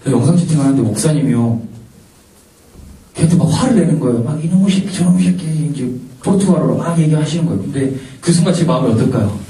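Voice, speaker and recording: A young man, a trainee missionary, giving an animated testimony to a church congregation and acting out the lines of the people in his story. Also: mid-range voice, fast talker. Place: church sanctuary. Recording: echoey church from far off.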